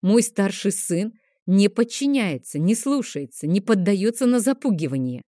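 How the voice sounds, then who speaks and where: A woman narrating a first-person audiobook in a gentle, expressive storytelling manner. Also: medium pitch, normal speed, no echo, studio quality.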